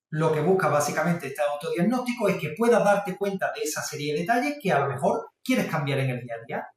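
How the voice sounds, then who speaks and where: A man giving a parenting workshop, explaining calmly and speaking straight to the listener. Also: high-pitched. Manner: calm, explanatory, addresses the listener directly. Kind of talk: instructional talk to camera. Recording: very echoey room, mic at a distance.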